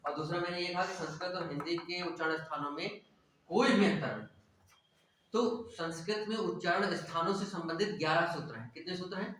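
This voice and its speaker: A man's voice: on the high side, a little fast, fairly bright tone, slight background noise. A male teacher giving a classroom lecture. He asks questions and answers them himself, and keeps checking that the class is following. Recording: echoey room, voice from far off.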